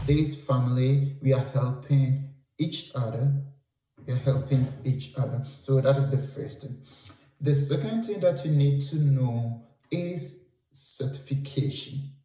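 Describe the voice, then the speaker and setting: A Ghanaian man with a medium-pitched, mellow voice and a Ghanaian English accent gives travel advice to camera, repeating key points for emphasis. The recording sounds roomy, as if he's distant from the mic.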